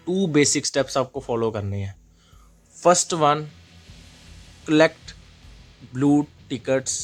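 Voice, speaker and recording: A young man talks viewers through a mobile game strategy in a relaxed, chatty way, switching between Hindi and English and going back over each step. His voice sits in an ordinary middle pitch. Faint music plays underneath. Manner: mixes Hindi and English, repeats steps, often checks with the listener. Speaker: gaming guide host. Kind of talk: casual game walkthrough.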